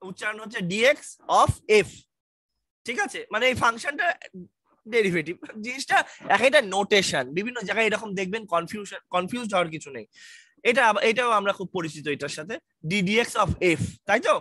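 Bright-voiced Bangladeshi math lecturer, man. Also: high-pitched, expressive, fairly quick, no room sound. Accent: Bangladeshi Bengali. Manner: reassuring, asks students questions, mixes English terms. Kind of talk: online lecture, casual explaining.

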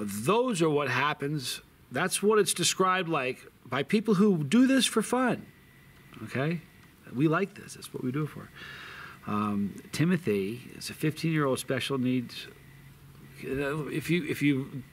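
Seated close to a camera on a sunny backyard patio, a middle-aged man hosts his own hot sauce channel, talking casually and rambling with plenty of restarts and fillers. His voice is medium-pitched, with slight background noise in the outdoor recording.

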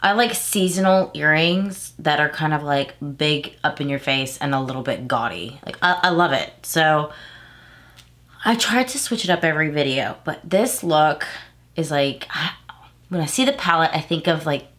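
A beauty vlogger in her thirties from Houston, Texas, chats her way through a makeup tutorial in a small room at home, rambling and correcting herself as she goes. Her voice is low-pitched, slightly nasal and stuffy, fairly bright, with lively intonation at a normal speed.

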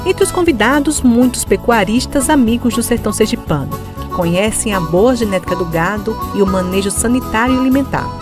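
A woman's voice: fairly high pitch, expressive, a little fast. A woman reading scripted TV news narration as a reporter. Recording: voice-over over loud music. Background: loud background music.

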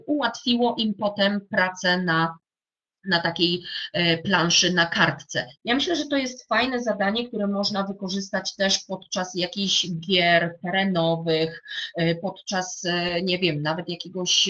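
Woman, primary teacher, bright tone, halting delivery full of fillers, dull lo-fi sound. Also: medium pitch. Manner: hesitant, many fillers and restarts; addresses fellow teachers directly. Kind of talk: explaining a classroom coding activity.

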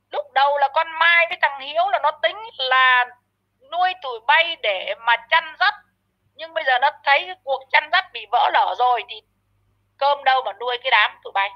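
A woman delivering a ranting commentary, scolding harshly and insultingly and often stuttering over repeated words. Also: high-pitched. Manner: frequent stammered repeats. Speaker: online commentator. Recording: dull lo-fi audio.

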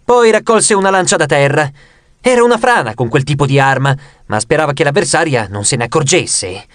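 Lively audiobook narrator, man. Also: brisk, no echo, studio quality. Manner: expressive, raises pitch for quoted lines. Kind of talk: audiobook reading with character voices.

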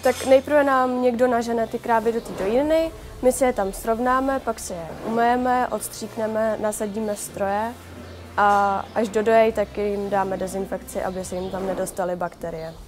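A woman's voice: fairly high pitch, steady tone, soft background music. A young woman explaining milking work in a casual interview inside a barn. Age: young adult.

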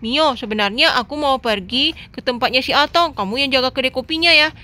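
A mischievous young man, always making excuses, voiced by a woman. The voice sits high and bright, and it sounds like casual game role-play. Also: brisk.

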